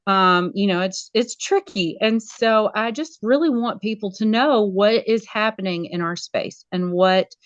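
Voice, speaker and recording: A woman, a school media specialist, talking casually as an interview guest in an animated way. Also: mid-range voice, unhurried, few pauses, dry recording, highs cut off. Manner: animated, acts out quoted voices.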